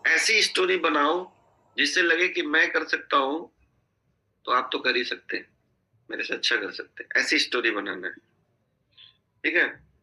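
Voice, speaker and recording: A man's voice: on the high side, a little slow, long pauses, sharp tone, rough recording. A man coaching a sales team on a video call, giving instructive advice and often checking that listeners follow. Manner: instructive, repeatedly checking in with "theek hai?".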